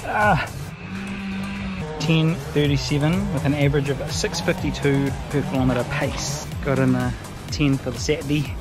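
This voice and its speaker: Kiwi guy doing a chatty vlog outside, new zealand accent, normal pitch, music in the background. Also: steady tone, moderate pace, hardly any pauses. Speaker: running vlogger. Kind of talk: casual vlog talk to camera. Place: outdoors by a house. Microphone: action camera at arm's length.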